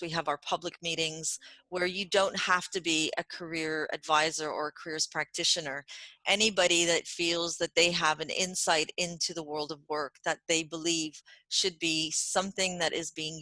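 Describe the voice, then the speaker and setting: A woman careers coach hosts a community meeting with an upbeat, enthusiastic welcome. Her voice is low, bright and forceful. The sound is dry and close. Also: no room sound, rough recording. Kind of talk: welcoming introduction.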